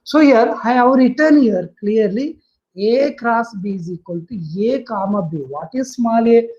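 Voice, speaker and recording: A woman's voice: on the high side, animated, a little slow, darkish tone. A woman with an Indian accent teaching a maths lesson, dictating notation piece by piece and repeating her phrases. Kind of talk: maths lesson explained aloud to students. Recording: dull lo-fi audio.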